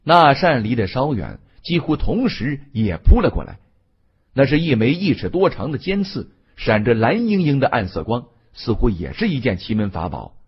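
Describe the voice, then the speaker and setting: A man reading a fantasy audiobook in scripted narration with an expressive, dramatic delivery. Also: mid-range voice, husky, dull audio.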